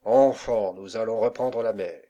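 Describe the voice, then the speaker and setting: A man's voice: lowish voice, unhurried, warm tone, dull audio, lightly acted. A man reading the part of a fiery pirate captain who rouses his crew and barks orders. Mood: rousing speech. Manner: rousing, barking orders.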